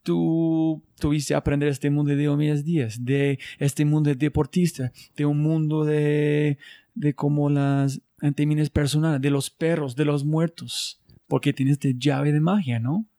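A man hosting a casual interview who speaks haltingly and searches for his words as he builds his questions. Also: a little high, little pitch movement, mellow. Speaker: podcast host.

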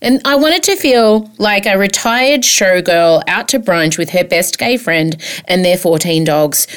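A woman with an Australian accent and a fairly low voice chats through a comedy podcast monologue. She is campy and theatrical, mocking herself and swearing freely.

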